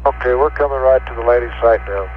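Man on a breaking-up radio link. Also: mid-range voice. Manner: terse, hesitant, with frequent "uh" pauses. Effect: radio transmission breaking up. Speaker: astronaut. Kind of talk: radio communications with ground control. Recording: dull lo-fi space radio with faint static.

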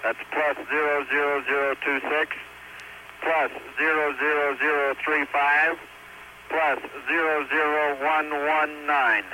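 A man's very bright, slightly high voice comes over a space mission radio link. He speaks in clipped, procedural phrases, spelling figures digit by digit like an astronaut reporting in. Faint noise sits behind the archival transmission. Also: little pitch movement, a little slow. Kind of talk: terse space mission radio exchange, reading numbers digit by digit. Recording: noisy archival space-to-ground radio, clicks.

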